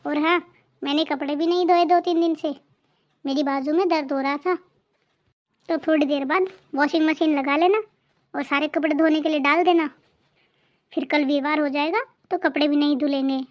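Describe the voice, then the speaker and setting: A woman voicing a very high-pitched scolding mother-in-law. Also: fairly even intonation, normal speed, pauses often, highs cut off, natural voice. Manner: scolding, sarcastic. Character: nagging, greedy middle-aged mother-in-law. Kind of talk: cartoon family drama voice-over.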